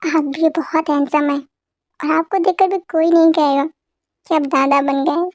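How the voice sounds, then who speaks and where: A woman doing a playful granny wife, very high pitched, fond and teasing. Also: steady tone, unhurried, a little mellow, dry recording, clean studio sound. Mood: affectionate. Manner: teasing, affectionate. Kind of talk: amateur dubbed fan story.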